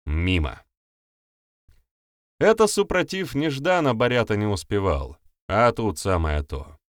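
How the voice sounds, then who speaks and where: A man narrating an audiobook with expressive storytelling. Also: on the low side, a little slow, no echo, studio quality. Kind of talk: scripted narration.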